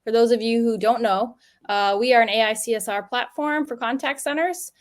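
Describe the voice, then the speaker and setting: A woman's voice: a little high, fairly quick. A woman hosting a business webinar over a video call, upbeat and chatty. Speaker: webinar host. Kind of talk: casual webinar chat.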